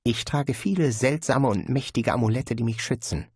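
A man voicing a scheming male grand vizier who speaks low and cool with quiet menace. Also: normal speed, husky, dry recording, studio quality, natural voice. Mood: menacing.

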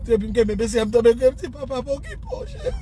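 A woman's voice: on the high side, wildly swooping pitch, fast, noisy background. A Haitian woman telling a comic personal story, breaking into mock wailing and laughter and switching between Creole and French. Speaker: social media storyteller.

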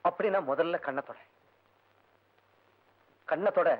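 A man's voice: measured pace, lightly acted. An actor playing a young man coaxing and pleading with his tearful sweetheart in a film scene. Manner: coaxing, pleading, swings high and low. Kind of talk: Tamil film dialogue. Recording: dull lo-fi film audio with music.

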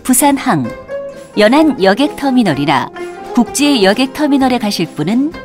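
A woman delivers scripted public transit announcements for subway stations in a formal, precisely articulated manner, with music underneath. Her pitch is on the high side and very animated, at normal speed.

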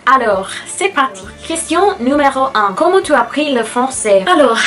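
A woman in her twenties from California with an American accent, talking to camera in a casual, slightly hesitant vlog. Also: on the high side. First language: English. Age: 20s. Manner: careful, a little hesitant. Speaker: vlogger.

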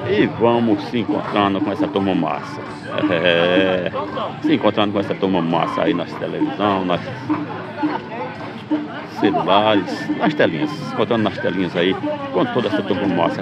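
A man's voice: sits low, moderate pace, over loud music, over a noisy crowd. A man from Pernambuco, cheerfully narrating a casual vlog from an outdoor street market. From Pernambuco, Brazil. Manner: upbeat, repetitive greetings to viewers. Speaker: vlogger. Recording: dull lo-fi sound, loud street noise.

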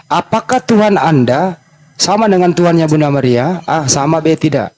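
Insistent high-voiced man questioning. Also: moderate pace, a little mellow, poor audio. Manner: insistent, repeats his questions and cuts in. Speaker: debate questioner. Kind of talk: heated religious debate.

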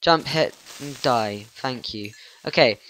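A man's voice: mid-range voice, slow, a bit bright. A man rambling through let's-play commentary, flustered, grumbling and poking fun at himself. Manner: flustered, grumbling, self-mocking. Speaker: gaming channel host.

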